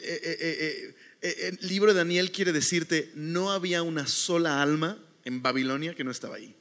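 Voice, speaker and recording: A man's voice: a little high, fairly bright tone, big-room sound. A man preaching a sermon in a chatty, conversational way, often checking in with the listeners and reading scripture aloud.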